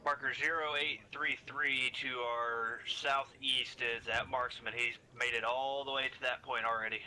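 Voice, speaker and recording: A man's voice: mid-range voice, level tone, unhurried, sharp tone, slight background noise, low-quality recording. A man giving tactical spotter callouts in a military game.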